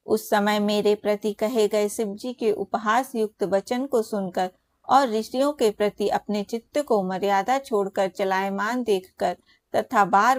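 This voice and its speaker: A woman voicing the creator god Brahma as a wise male elder, telling the tale in a solemn, measured way. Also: medium pitch, no room sound, natural voice.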